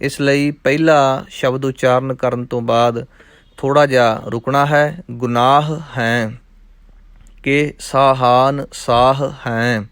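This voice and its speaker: A man teaching scripture recitation, chanting each verse in a measured way and stopping to explain pronunciation. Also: mid-range voice, steady tone, a bit bright, clean tone, dry recording. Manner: measured chanting of verses, then quick spoken corrections. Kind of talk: slow line-by-line recitation lesson with pronunciation notes.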